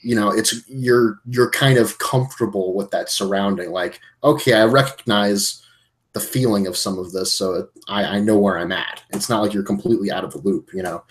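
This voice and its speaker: A podcast co-host with a fairly low voice and moderate pace casually recaps a film's plot. His telling rambles and meanders, often doubling back and restarting sentences midway.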